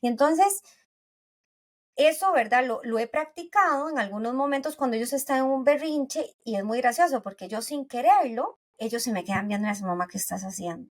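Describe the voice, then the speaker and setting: Brisk and lively, with a high-pitched voice, this pediatric neuropsychologist from Costa Rica speaks as a guest in her native accent. She explains conversationally with everyday anecdotes and frequently tacks "¿verdad?" onto her sentences.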